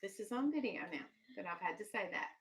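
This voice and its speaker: A fast-talking woman teacher with an expressive, medium-pitched voice reads aloud to young children, heard on a rough recording. She explains in simple terms, checks understanding with questions and firmly keeps the children on task.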